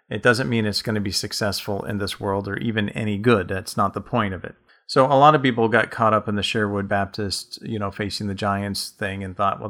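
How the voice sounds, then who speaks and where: A man with a fairly low voice that still sounds bright and forceful, talking through his writing process on a casual podcast. He tells stories at length and reflects as he goes. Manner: long rambling reflective storytelling. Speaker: author and podcast co-host.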